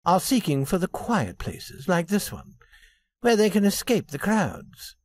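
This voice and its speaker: Man as a courteous young gentleman, lively rising delivery, slightly husky, dry sound. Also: high-pitched, measured pace, no echo, voice pushed up, full character voice. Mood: earnest.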